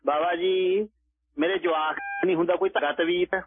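A man's voice: high-pitched, fairly even intonation, normal speed, slight background noise, natural voice. Man doing a pleading village mother. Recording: tinny phone-like radio line.

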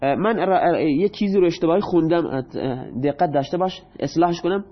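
A male teacher who explains grammar in Persian, asks his students questions and answers them himself, and reads the example sentences slowly. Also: fairly high pitch, lo-fi sound.

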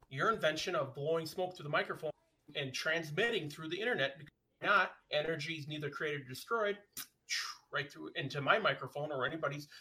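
A man's voice: fairly high pitch, bright, forceful tone. A man chatting casually as a podcast co-host, telling a story emphatically, swearing and repeating himself. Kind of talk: casual chat.

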